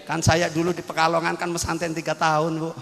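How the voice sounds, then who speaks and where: A man's voice: on the high side, completely flat delivery, quick pace, gravelly, a bit bright, long reverb tail. A man preaching a humorous Islamic sermon, teasing and joking with his audience and calling out to them. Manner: teasing, playful, calls out to the crowd.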